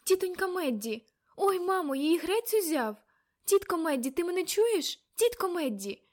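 A woman reading an audiobook, voicing a frightened teenage girl who calls out loudly and urgently. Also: very animated, moderate pace. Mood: panicked. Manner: high, loud and urgent.

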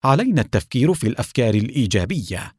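A man voicing a gentle, worried father who speaks quietly and tries to reason and comfort. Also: medium pitch, big pitch swings, racing, breathy edge, dry recording, studio quality. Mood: soothing.

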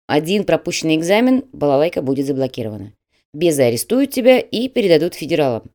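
A woman voicing a stern middle-aged male admissions manager who talks in a brisk, official and mocking way. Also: low-pitched, sing-song, dark tone.

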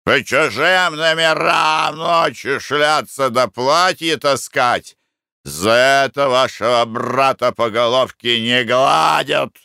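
A man voicing a rough, suspicious hotel corridor servant who barks accusations in an audiobook. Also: mid-range voice, expressive, takes it slowly, dry recording, studio quality, heavily acted. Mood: angry, suspicious. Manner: shouting, gruff accusations.

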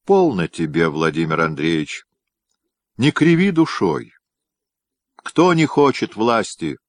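A man voicing an angry, scornful boyar whose voice is hoarse with rage, in an audiobook reading. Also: deep voice, steady tone, measured pace. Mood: reproachful. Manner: scornful, blunt.

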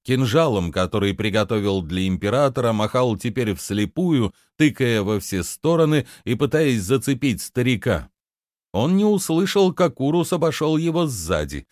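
Low guy reading an audiobook, really lively delivery, dry sound. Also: moderate pace, no echo. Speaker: audiobook narrator. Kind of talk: dramatic scripted narration.

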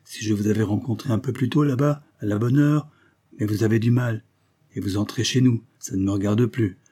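A man reading the part of a young peasant fighter of about twenty who speaks bluntly and calmly. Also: lowish voice, brisk, lightly acted. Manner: blunt, calm country speech.

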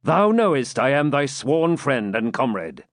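A man's voice: medium pitch, very animated, unhurried, dry recording, studio quality. A man doing a cool, teasing knight. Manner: composed, mildly mocking. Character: calm, teasing armored male knight.

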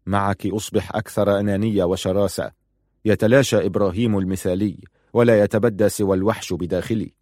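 A young warrior husband speaks in a low, intense, brooding voice , as a man reads him. The recording is dry and close, like an audiobook booth. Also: steady tone, fast talker, a little mellow, no room sound, close to an everyday voice.

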